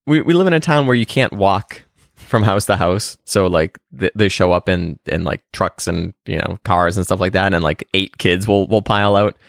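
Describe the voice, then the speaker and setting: A podcast co-host chats casually, rambling with lots of fillers and restarts. He has a low voice with vocal fry and speaks at normal speed. The recording is dry, with clean studio sound.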